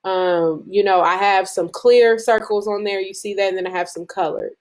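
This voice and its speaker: A woman giving a casual branding lesson to a group, talking conversationally with frequent fillers and restarts, speeding up when excited. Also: medium pitch. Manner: speeds up and slows down as she gets excited. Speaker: business branding presenter. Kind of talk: casual teaching talk to a group.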